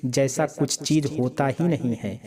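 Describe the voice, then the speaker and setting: A man voicing a tender, easily hurt young woman doctor in a spoken storybook, talking softly and a little slowly. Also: medium pitch, crowd noise, natural voice.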